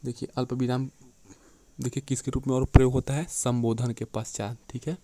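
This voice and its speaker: A man teaching an exam-prep lecture, often checking in with his students and slowing down to read definitions and examples aloud. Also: medium pitch, level tone, mellow. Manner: keeps checking in with "theek hai" and "dekhiye".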